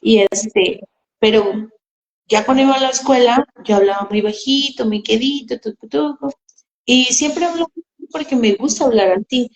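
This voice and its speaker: A woman's voice: on the high side, normal speed. A woman telling personal stories in a casual live conversation, acting out quoted dialogue. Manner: animated storytelling, acts out quoted dialogue. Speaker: host. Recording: echoey room.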